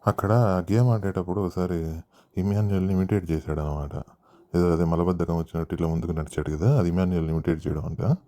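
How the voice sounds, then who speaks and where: A man's voice: low voice, steady tone, fast, mellow. A man giving sarcastic, mocking commentary in a show review, often mimicking the people he talks about. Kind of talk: casual commentary.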